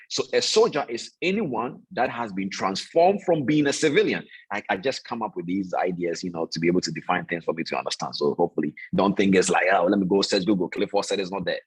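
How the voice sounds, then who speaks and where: A man coaching traders on an online video call. He preaches in an animated way, repeats his points for emphasis and keeps asking his listeners if it makes sense. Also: lowish voice, fairly quick, slightly rough, rough recording. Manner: talks directly to listeners, asks "does that make sense?". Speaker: trading coach. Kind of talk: motivational online call lecture.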